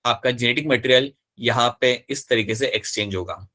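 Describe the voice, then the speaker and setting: A man teaching a live biology class in a bright, forceful voice. He goes step by step, repeating the key terms and asking his students whether they follow. He switches freely between Hindi and English mid-sentence. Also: medium pitch, normal speed. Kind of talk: live online class lecture.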